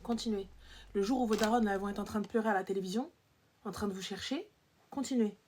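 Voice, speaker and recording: A young woman on a live stream, scolding her viewers in an animated rant full of rhetorical questions, swinging from loud outbursts to low muttering. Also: fast talker, a little hiss or hum. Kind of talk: ranting live-stream monologue.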